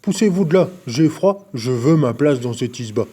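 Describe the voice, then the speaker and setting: A man's voice: medium pitch, expressive, moderate pace, dark tone, slightly rough. A man voicing a large, clumsy male bear in a picture-book reading, growling his demands. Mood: demanding.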